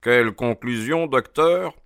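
A man voicing a cool, sharp-minded detective who speaks calmly and precisely with dry irony. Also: medium pitch, a little slow, gravelly, no echo. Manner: calm, precise, dryly ironic.

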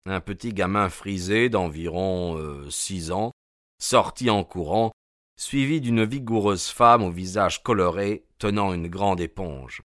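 A man narrating a classic detective novel in an audiobook, measured and expressive. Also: deep voice, no echo, studio quality. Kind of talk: scripted literary narration.

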